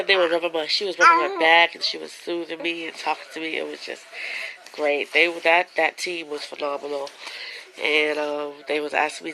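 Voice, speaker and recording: Emotional young woman with a gravelly voice. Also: low-pitched, sharp tone, a little hiss or hum, poor audio. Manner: emotional, fighting back tears at times. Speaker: vlogger. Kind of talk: casual storytelling to camera.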